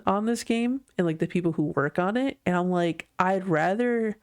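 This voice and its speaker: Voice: mid-range voice, gravelly, no echo, clean studio sound. A podcast host talking alone in a casual monologue, rambling and correcting themselves often. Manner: rambling, heavy on "like" and self-corrections.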